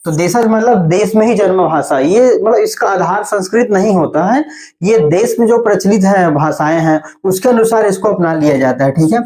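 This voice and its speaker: A man's voice: sits high, dark tone. A male teacher giving an online grammar lesson, explaining step by step and checking in after each point. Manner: explains step by step with frequent "theek hai" check-ins; slows down to list terms.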